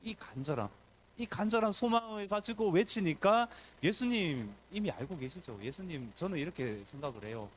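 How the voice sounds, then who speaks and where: A man's voice: high voice, normal speed, slight background noise. A man, a pastor, preaching a sermon at a church service and acting out the voices in the story. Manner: animated preaching, acts out crowd and beggar voices.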